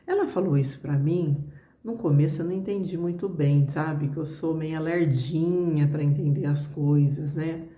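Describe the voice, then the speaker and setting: A middle-aged Brazilian woman with a Brazilian Portuguese accent tells her viewers a personal story. Her voice is deep and mellow, and she keeps a chatty tone with many little asides to the audience. The recording carries a noticeable room echo. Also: moderate pace. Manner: conversational, fillers like "né" and "gente", addresses viewers directly. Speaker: travel vlogger.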